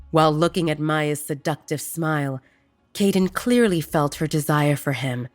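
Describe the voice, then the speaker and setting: Low-voiced woman narrating an audiobook. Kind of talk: scripted romance narration.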